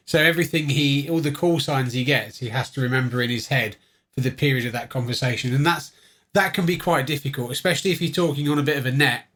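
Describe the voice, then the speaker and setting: Fast and a bit bright, a mid-range British male voice carries a casual vlog or livestream. He's informal and playful, often chattering to himself as if thinking out loud.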